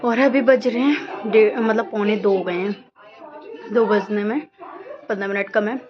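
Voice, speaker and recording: A woman's voice: mid-range voice, steady tone, a little slow, lo-fi sound, music in the background. Chatty woman vlogging at home. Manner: chatty, rambling, self-deprecating. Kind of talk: casual home vlog with cooking.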